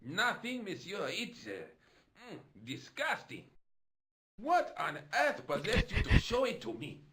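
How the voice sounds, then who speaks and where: A man's voice: high-pitched, wildly swooping pitch, measured pace, pushed and bright, full character voice. An actor playing a chatty, theatrical French café man in a video game, with a French accent. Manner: theatrical, melodramatic, fussy.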